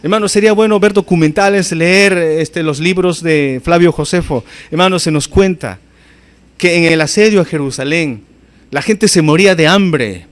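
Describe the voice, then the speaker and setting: A man's voice: on the high side, normal speed. A man preaching a sermon as pastor, emphatic and often calling out to his listeners as brothers and sisters, his voice rising sharply on key phrases.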